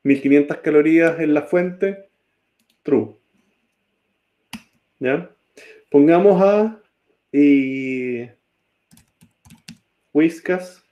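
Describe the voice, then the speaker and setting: A man's voice: a little high, extremely slow, pauses often, muffled recording. A man teaching a programming class, typing code as he talks and often checking that students follow. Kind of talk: live-coding class.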